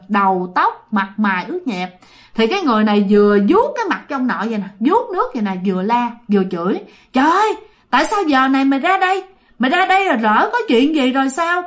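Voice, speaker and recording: Brief: woman storyteller, high voice, chatty ghost-story narration that speaks straight to listeners. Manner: chatty, addresses listeners directly.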